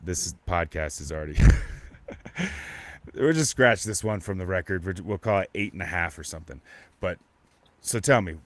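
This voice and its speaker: A man with a very low voice chats casually as a podcast host. He rambles, doubles back and restarts his sentences. The sound is dry and close, with no room around it. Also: expressive, moderate pace, pauses often, fairly bright tone, no room sound. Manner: rambling, stop-start, many restarts and fillers. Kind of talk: casual live-stream chat.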